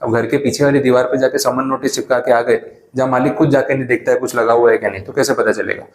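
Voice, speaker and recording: In a roomy, echoing classroom, an Indian male lecturer mixes Hindi and English as he teaches, his mid-range voice holding a steady tone. He talks through his points in a chatty way with everyday asides, then slows right down to read out legal wording.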